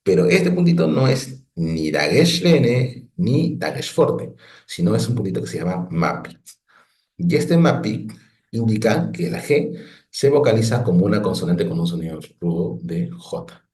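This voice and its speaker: Low, mellow-voiced male teacher. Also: big pitch swings, moderate pace, roomy sound. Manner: patient, explanatory, frequent "¿no?" checks and restarts. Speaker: Biblical Hebrew teacher. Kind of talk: online lesson explaining on a screen.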